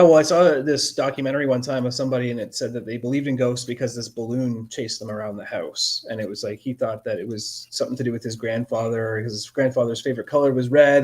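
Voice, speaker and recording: A man in casual conversation, telling a story in a relaxed, rambling way. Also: medium pitch. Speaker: guest.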